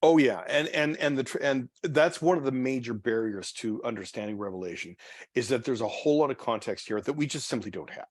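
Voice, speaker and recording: A pastor leading a church study group, talking casually and haltingly with many restarts and repeated words. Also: male voice, mid-range voice, no room sound. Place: church meeting room.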